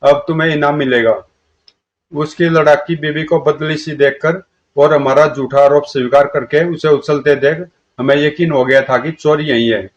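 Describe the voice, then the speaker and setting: A man reading a comic story aloud and voicing all of its characters in a lively way. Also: on the high side, moderate pace. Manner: lively, shifts between characters' lines. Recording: dull lo-fi recording.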